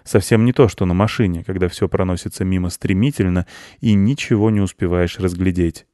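A man with a lowish voice narrates a children's storybook in a calm, even telling. The recording is dry and close, with no room sound. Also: a little fast, no echo. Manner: calm storytelling, plain farmer voice for dialogue.

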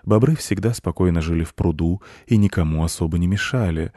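A man voicing a clever male cat who talks softly, slyly and like a know-it-all. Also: sits low, fairly quick, no room sound, studio quality. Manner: soft, ingratiating, know-it-all.

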